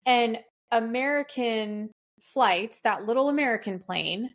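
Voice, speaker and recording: Animated swearing woman telling a story. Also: on the high side, unhurried. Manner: animated, swears freely, acts out quotes. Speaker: podcast co-host. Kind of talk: casual storytelling chat.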